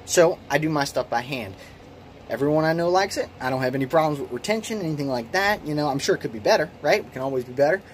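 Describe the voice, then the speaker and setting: A man's voice: on the high side, animated, quick pace, a little hiss or hum. A man in his late twenties casually walking through his home holster workshop, rambling and self-deprecating, with lots of restarts and ums. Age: late 20s. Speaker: hobby kydex holster maker. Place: small home workshop shed. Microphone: phone camera.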